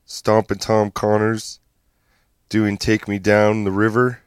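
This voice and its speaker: A man hosting a radio show, talking in a relaxed, chatty way between records. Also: fairly low pitch, slow, smooth, no echo, studio quality. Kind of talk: casual radio DJ talk.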